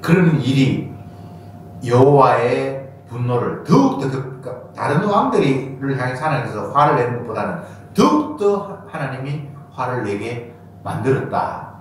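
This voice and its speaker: Animated Korean pastor in an echoey sanctuary. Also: male voice, moderate pace. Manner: animated preaching, acts out quoted voices with sudden high bursts. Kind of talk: sermon. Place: church sanctuary. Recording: echoey church hall from far off, faint noise.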